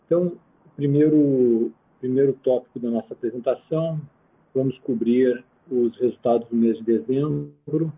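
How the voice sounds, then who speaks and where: Through a tinny phone line, a Brazilian man gives a business presentation. His voice is medium-pitched and a little husky, and he delivers figures in a measured, halting way. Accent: Brazilian Portuguese. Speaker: chief investment officer presenting results. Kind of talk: business presentation, semi-spontaneous.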